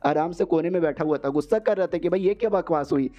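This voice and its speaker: A man's voice: fairly high pitch, fast talker, dark tone, dull audio. A man casually narrating an anime story recap in slangy, crude storytelling.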